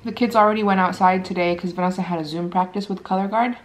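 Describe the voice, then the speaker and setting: A woman's voice: mid-range voice, steady tone, fast talker. A woman in her thirties chatting casually between bites as she crunches chips and chews, like a mukbang vlogger in a living room. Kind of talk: casual chat while eating.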